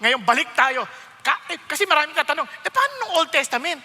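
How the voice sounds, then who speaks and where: A Filipino man preaches with a high, sharply bright voice. He is animated and switches between Tagalog and English, often checking that his listeners follow. His voice rings with a long reverb in a church hall. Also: fast. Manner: animated preaching mixing Tagalog and English, frequent "Nakuha niyo?" check-ins. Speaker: pastor. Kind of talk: sermon.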